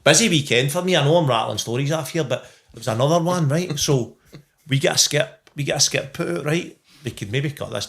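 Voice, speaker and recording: A middle-aged man with a Glasgow accent telling casual anecdotes in an animated, sweary way, acting out conversations. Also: mid-range voice, creaky.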